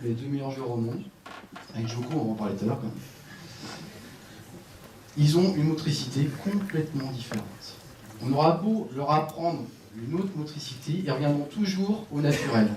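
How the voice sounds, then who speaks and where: Male presenter on a headset mic leading a room through exercises, higher-pitched, a bit of room echo. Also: recorded from a distance, slight background noise. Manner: lively, directive, joking with the audience. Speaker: conference speaker. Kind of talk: live conference talk with audience exercises. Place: conference room with seated audience. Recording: echoey room, speaker off-mic at times.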